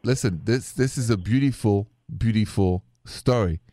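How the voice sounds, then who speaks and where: A man hosting a radio call-in show about love stories, warm, encouraging and effusive with callers. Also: lowish voice, normal speed, dry recording, clean studio sound. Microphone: studio mic.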